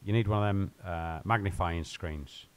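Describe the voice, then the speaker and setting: A man with a fairly low voice hosts a casual live game stream from home. He rambles and jokes with his viewers as he plays, drifting between chat and the game. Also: moderate pace, clear, resonant tone. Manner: rambling, joking, talks to viewers while playing.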